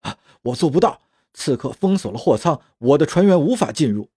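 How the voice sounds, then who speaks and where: A man's voice: a little high, lively intonation, dark tone, breathy edge, pitched above the performer's own voice. A man voicing a stressed male starship pilot who answers hurriedly. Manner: fast, hurried.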